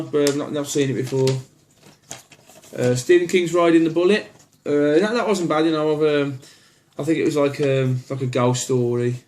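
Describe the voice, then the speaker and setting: A man's voice: fairly high pitch, a little mellow, a little hiss or hum. Male collector, easygoing and rambling, frequent fillers and restarts, plain opinions. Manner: rambling, lots of ums and restarts. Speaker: horror film collector. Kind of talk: casual collection walkthrough.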